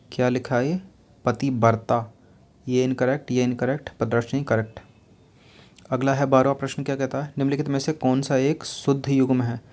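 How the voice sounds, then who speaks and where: Man, exam-prep teacher, level even delivery, patient explaining, repeats answers, rhetorical questions. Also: mid-range voice. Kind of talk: exam-prep lesson going through spelling questions.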